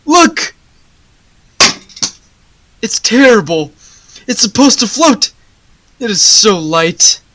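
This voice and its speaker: A student plays a fretful baker who wails over every disaster in a school radio play. The delivery is slow and melodramatic, and the pitch swings widely from line to line. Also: big pitch swings, a bit bright, slight background noise. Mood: alarmed. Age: teens. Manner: melodramatic, wailing laments. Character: fretful baker fearing ruin.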